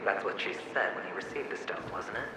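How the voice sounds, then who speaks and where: Here a low-voiced actor speaks briskly as a young man's mocking inner double, taunting and dropping into hissed whispers. The recording carries heavy echo and game ambience noise, so he comes across as distant.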